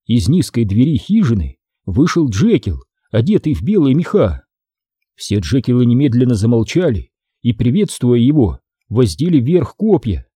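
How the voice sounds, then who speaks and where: A man narrating an audiobook in an expressive, lively storytelling manner. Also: mid-range voice, husky, dry recording, studio quality.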